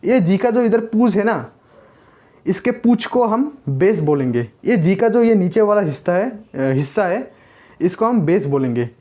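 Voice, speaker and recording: A man's voice: high-pitched, lively intonation, measured pace, warm tone. A young man teaching a casual whiteboard lesson in a chatty big-brother tone, repeating words to drill them in. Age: young adult. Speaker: physics tutor.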